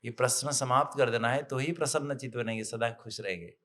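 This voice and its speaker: A middle-aged man delivers a motivational spiritual talk, telling a parable and performing its characters in lively, excited bursts. His pitch is medium and his pace slightly fast.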